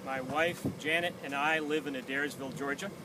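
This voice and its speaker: A man in his sixties speaking earnestly while walking around an outdoor track, pausing often with "uh". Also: a little high, fairly even intonation. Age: 60s. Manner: earnest, measured, with frequent "uh" pauses. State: talking while walking backward. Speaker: founder of a peace walking movement. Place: outdoor running track by traffic. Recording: distant outdoor mic with loud traffic noise.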